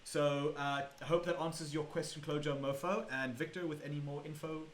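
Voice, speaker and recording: A man's voice: on the high side, steady tone, fairly quick. A man hosting a game stream, chatting casually and reading out viewer questions. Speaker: stream host. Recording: roomy mic with faint hiss.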